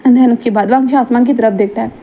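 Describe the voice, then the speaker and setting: A woman tells a fanfiction story in a rambling, casual way, often repeating and correcting herself. Her voice is high and quick, with a mellow tone. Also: steady tone, a little hiss or hum.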